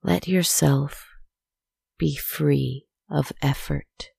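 Low, creaky, hushed woman's soothing storytelling. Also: fairly even intonation, no echo. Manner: slow, deliberate, poetic phrasing. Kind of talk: soft, scripted guided relaxation storytelling.

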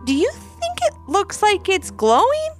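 A woman's voice: very high voice, wildly swooping pitch, unhurried, faint music behind, pitched above the performer's own voice, exaggerated voice. A woman voicing a drowsy, hesitant young boy in a children's story. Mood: sleepy.

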